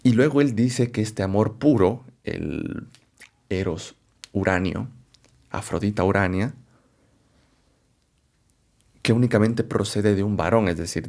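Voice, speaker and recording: A man presenting a philosophy lecture, unhurried and thinking aloud, often checking in with rhetorical questions and correcting himself as he goes. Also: lowish voice, a little mellow. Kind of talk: explanatory lecture to camera.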